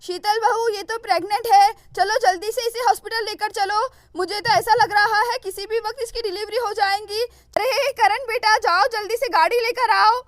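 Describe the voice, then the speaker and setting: Fussy older mother-in-law in a cartoon, voiced by a woman, slow drawn-out orders, very high voice. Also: steady tone, no room sound. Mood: commanding. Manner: slow, drawn-out commanding speech.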